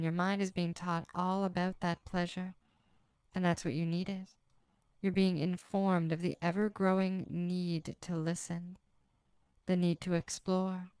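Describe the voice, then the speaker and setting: A woman speaking as a hypnotist in a scripted trance recording, with a slow, soft, repetitive delivery and an authoritative, commanding tone. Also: fairly low pitch, clear, resonant tone, no room sound.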